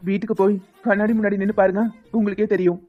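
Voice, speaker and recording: A woman's voice: medium pitch, flat delivery, close to an everyday voice. A woman voicing a confident young man who speaks frankly as a suitor in a cartoon. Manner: direct, quick, frank. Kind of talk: cartoon voice acting. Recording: dull lo-fi sound with faint music.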